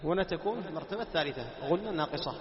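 A man teaching a class, quizzing his students, repeating key terms and slowing down to recite examples. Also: a little high, lively intonation. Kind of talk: classroom lesson on tajweed. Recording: echoey hall, dull lo-fi sound.

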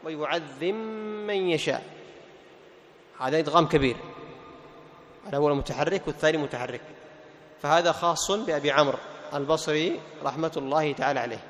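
A male Quran teacher explaining tajweed rules to a class. He asks questions, answers them himself, repeats the key terms and slows down to recite the verse examples. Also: on the high side, fairly bright tone, a little hiss or hum. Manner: recites verses slowly and melodically. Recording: long hall reverb.

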